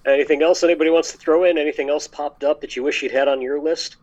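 A man hosting a podcast in casual chat, telling stories in a lively, animated way. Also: a little high, quick pace. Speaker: podcast host. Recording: dull lo-fi sound.

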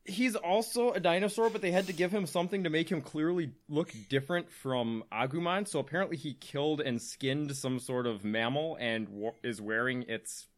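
A man's voice: on the high side, moderate pace, hardly any pauses. A man in casual chat with friends, making wry, teasing remarks.

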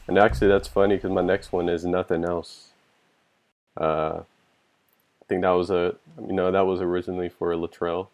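A man's voice: sits low, flat delivery, normal speed, a little mellow. A man guest on a music podcast, talking loosely and enthusiastically, swearing casually and filling speech with "like" and "you know.".

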